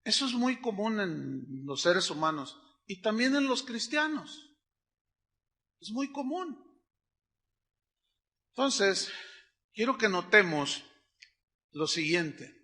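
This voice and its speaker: High, bright-voiced preacher. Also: male voice, big pitch swings, takes it slowly, long pauses. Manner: dramatic preacher acting out dialogues, swinging from loud to hushed. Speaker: pastor. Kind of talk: sermon.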